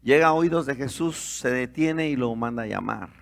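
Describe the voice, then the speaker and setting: A man's voice: mid-range voice, normal speed, creaky, in a large hall. A man preaching a sermon as pastor, emphatic and putting rhetorical questions to his congregation.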